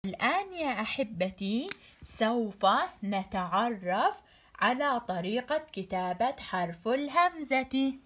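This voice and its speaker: Woman, children's teacher, slow and slightly high voice, drills letter sounds over and over, encouraging. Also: sing-song, a bit bright, slightly rough. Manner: praising, encouraging. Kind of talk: children's phonics lesson.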